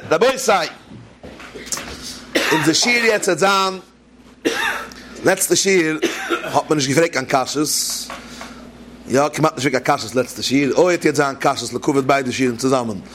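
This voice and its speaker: A man's voice: on the high side, measured pace, long pauses, noisy background. Man giving a joking religious talk. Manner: storytelling, jokes and rhetorical questions. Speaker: preacher. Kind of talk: Yiddish-style Torah talk with jokes.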